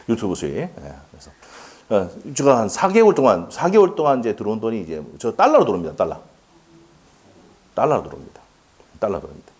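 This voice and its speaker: A man's mid-range, darkish voice carries an informal law class where he raises questions only to answer them himself. Laughter comes often, and he keeps joking with his students.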